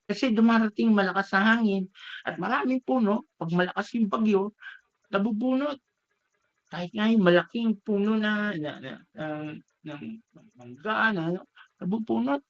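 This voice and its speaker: A man preaching in a relaxed, conversational way, telling a parable from an office. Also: high voice, normal speed, lo-fi sound. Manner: conversational, mixes English into Tagalog. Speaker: lay preacher. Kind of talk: sermon storytelling. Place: elder's office.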